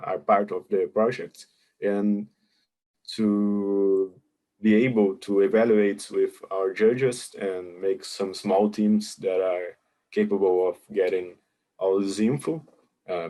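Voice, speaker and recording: A man presents a webinar over a video call, patiently explaining contest rules and fielding questions. His mellow voice sits low and moves a little slowly, and his explanations are hesitant and full of fillers.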